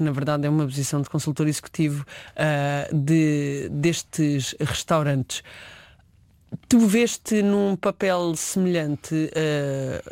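A man's voice: on the high side, a little mellow, dry recording. A man interviewing a chef, asking long, winding questions full of fillers.

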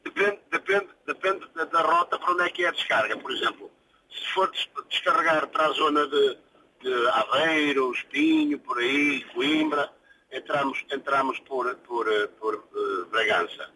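A man's voice: fairly high pitch, lively intonation, normal speed, background noise. A man from Portugal, a truck driver calling in to a radio show, talking casually and often stumbling over repeated words. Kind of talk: casual phone-in chat.

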